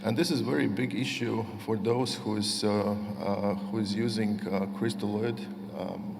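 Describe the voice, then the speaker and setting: A middle-aged man from Latvia giving a conference lecture, speaking haltingly with many fillers and restarts. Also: lowish voice, fairly even intonation, creaky, darkish tone, slight background noise. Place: large conference hall. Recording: long hall reverb.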